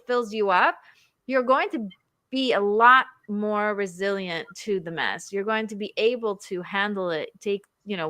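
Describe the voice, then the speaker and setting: A woman hosting a live interview in a casual, animated way, acting out inner voices as she talks. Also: medium pitch, no room sound, studio quality. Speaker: show host, marriage coach.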